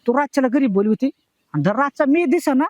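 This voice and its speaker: A man's voice: very high-pitched, expressive, fast talker, darkish tone, dry recording. Cheeky pestering guy in a village comedy sketch, dry close mic. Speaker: cheeky brother-in-law in a sketch.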